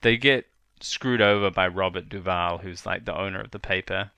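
Male co-host, low gravelly voice with a bright edge, dry close sound, casual and opinionated. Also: normal speed, no echo. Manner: joking, opinionated. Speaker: podcast co-host. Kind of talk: casual movie review chat.

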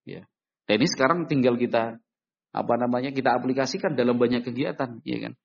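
A man preaching an Islamic sermon in an animated way, acting out short dialogues in a raised voice. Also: a little fast, vocal fry, slightly rough. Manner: animated, acts out little dialogues with raised pitch. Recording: dull lo-fi recording.

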